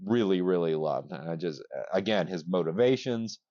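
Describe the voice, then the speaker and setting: A man co-hosting a casual podcast, rambling excitedly with many restarts and casual swearing. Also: low voice, normal speed, no room sound, highs cut off. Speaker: podcast co-host. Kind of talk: casual chat.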